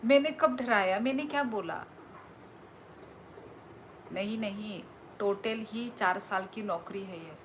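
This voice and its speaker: A woman's voice: medium pitch, slow pace, long pauses, noisy background. A woman from Tripura, hosting a casual livestream. She reads out viewer comments and answers them in a teasing, playful way. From Tripura, India. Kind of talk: casual live-stream chat.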